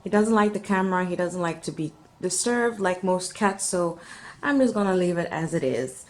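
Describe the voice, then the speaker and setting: A woman's voice: on the low side, animated, moderate pace, slight background noise. A young woman chatting casually to the camera in a vlog, talking frankly, sometimes slipping into French, her voice heavy from the morning. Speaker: vlogger. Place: home, then outdoors. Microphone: handheld camera or phone.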